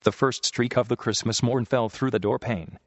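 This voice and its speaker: A man reading a story aloud in a measured, steady storytelling manner, on a dull lo-fi recording with long reverb. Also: medium pitch. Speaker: narrator.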